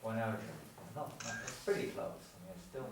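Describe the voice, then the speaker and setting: A man's voice: fairly low pitch, animated, fairly quick, background noise. A man from England giving a lecture through a translator, jovial and teasing his audience in a large hall. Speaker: visiting speaker. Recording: echoey hall from far off.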